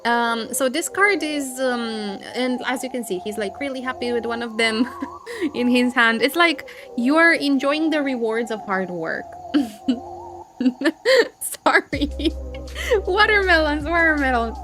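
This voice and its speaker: Woman streamer, high voice, unhurried and giggly, reading tarot for chat over background music. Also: lively intonation. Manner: giggly, chatty, greets chat warmly. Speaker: live streamer doing tarot card readings. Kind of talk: casual live-stream chat with viewers.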